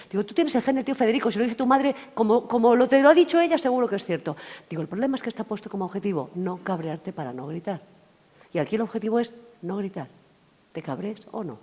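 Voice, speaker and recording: A woman's voice: mid-range voice, warm tone, husky. A woman giving a talk, telling stories and acting out the conversations in them. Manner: storytelling, acting out dialogue. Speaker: communication trainer. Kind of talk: lively talk to an audience. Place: conference hall. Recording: reverberant hall.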